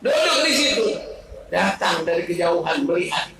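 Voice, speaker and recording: A man preaching a sermon with passion, swinging from shouts to hushed tones. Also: high-pitched, sing-song, normal speed, vocal fry, background noise. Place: mosque gathering, indoors. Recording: echoey hall from far off.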